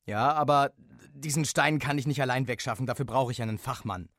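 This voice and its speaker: A man's voice: mid-range voice, fairly quick, fairly bright tone, dry recording, studio quality, close to an everyday voice. A man doing a stern, blunt father. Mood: matter-of-fact. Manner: blunt, firm. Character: gruff stern father, middle-aged.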